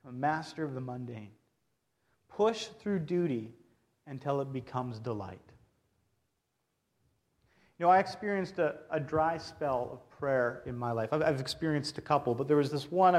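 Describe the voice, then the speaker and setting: A man preaching a sermon, earnest, lifting his voice when he reads scripture and often repeating words as he speaks. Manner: earnest, rises in pitch and force when reading scripture; repeats words and restarts phrases. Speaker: pastor.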